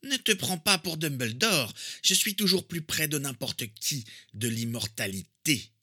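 A man voicing a cold, arrogant dark lord in a fan fiction reading, sneering and drawing out his words. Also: on the high side, lively intonation, a little slow, breathy edge, voice pushed up, full character voice.

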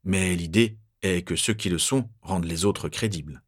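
A man reading a first-person story aloud in a measured, tense narrating voice. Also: low voice.

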